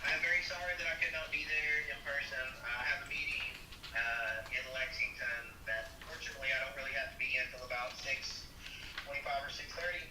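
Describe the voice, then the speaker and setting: A man's voice: medium pitch, brisk, over loud music. Man heard over a distant speakerphone. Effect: heard through a phone on speakerphone. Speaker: applicant calling in to a board meeting. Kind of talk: casual phone call. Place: played into a meeting room from a speakerphone. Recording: distant, echoey, noisy speakerphone in a meeting room.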